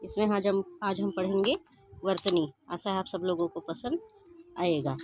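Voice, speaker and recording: A woman with a mid-range voice teaches grammar, stating each point and then restating it in simpler terms, and she reads word pairs slowly one after another. Heavy background noise runs under the recording.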